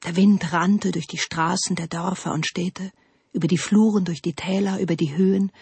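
Breathy, hushed woman reading a story. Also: fairly low pitch, fairly even intonation, no room sound. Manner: soft, slow, hushed, often near a whisper.

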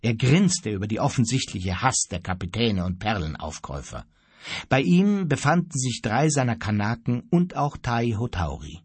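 A man reads an adventure story aloud in a dramatic, storytelling way. His voice has a husky grain and moves a lot in pitch. It is recorded dry and close, with no room sound. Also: big pitch swings, moderate pace, dry recording. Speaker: audiobook narrator. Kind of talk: scripted narration.

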